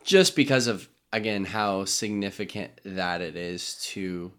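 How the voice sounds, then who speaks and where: Low-voiced young man, casual podcast chat. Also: unhurried, clean tone. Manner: relaxed, conversational, reads scripture aloud. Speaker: podcast co-host.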